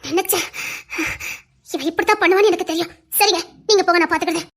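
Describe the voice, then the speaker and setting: Female voice actor as a meek young wife, squeaky-high and bright, hesitant, serial-drama style. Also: fairly even intonation, fast. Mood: soothing. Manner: soft, hesitant.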